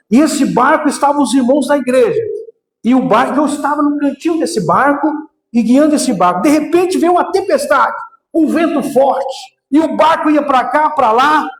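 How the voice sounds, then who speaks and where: A man preaching a fervent testimony sermon, often calling out to his brothers and rising into shouts. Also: very high voice. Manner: fervent, repeatedly addresses "irmãos", bursts into shouts. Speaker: missionary preacher. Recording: echoey hall with long reverb.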